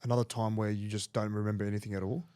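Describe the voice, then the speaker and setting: A man's voice: fairly low pitch, level tone, racing, dark tone, smooth, dry recording. Casual man hosting, very dry sound. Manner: slangy, informal. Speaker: podcast host. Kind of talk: casual interview.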